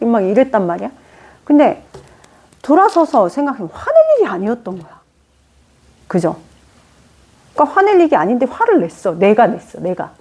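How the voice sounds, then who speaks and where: A woman teaching a class on fortune-telling in an informal lecture, telling lively stories with acted-out quotes and asking her students questions. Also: fairly high pitch, brisk, pauses often, breathy edge. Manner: chatty, poses questions to the class. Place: lecture room.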